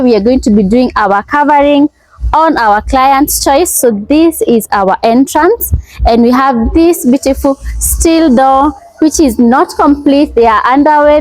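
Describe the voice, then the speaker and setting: A woman with a Kenyan accent presents an informal house tour in a fairly high voice. She speaks approvingly as she shows off one feature after another, in the unscripted style of a property walkthrough. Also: a little mellow, rough recording. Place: indoors in an unfinished house.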